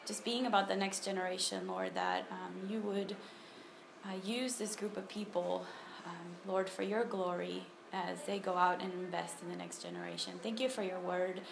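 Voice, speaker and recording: This is a Honduran woman in her thirties with a fairly low, creaky voice, lively intonation, and a moderate pace. At a church ministry meeting she offers a relaxed testimony with prayer, stumbling into frequent ums and restarts. It was recorded on a phone set on a table, in an echoey space with noticeable noise behind her.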